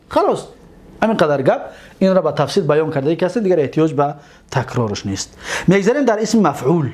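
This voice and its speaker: A man's voice: high-pitched, darkish tone. A man with a Tajik accent teaching a classroom lecture, explaining step by step, repeating each word and asking his students questions. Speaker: teacher of Arabic morphology.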